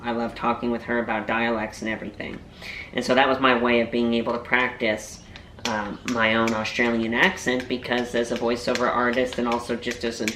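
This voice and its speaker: A young man, a voiceover artist, chats casually to the camera in a food-tasting vlog, rambling and cracking playful jokes at his own expense. His voice sits in the mid range, with background noise and a roomy echo in the recording.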